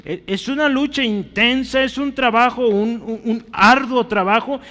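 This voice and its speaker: A man's voice: very high voice, unhurried, bright, forceful tone, in a large hall. A man preaching a teaching sermon, explaining step by step, often checking that listeners follow and calling them brother. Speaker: preacher teaching a Bible study.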